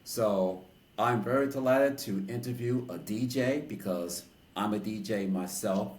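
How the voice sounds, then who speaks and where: A man from New York hosting an interview podcast, speaking in a formal, deliberate way. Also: on the low side, a little mellow, echoey room, poor audio. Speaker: podcast host and DJ.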